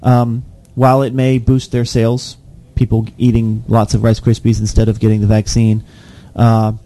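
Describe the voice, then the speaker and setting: Young male co-host, jokey casual news reader, warm dark tone. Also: on the low side, completely flat delivery, normal speed. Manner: joking, laughs often, reads headlines aloud. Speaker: podcast co-host reading tech news.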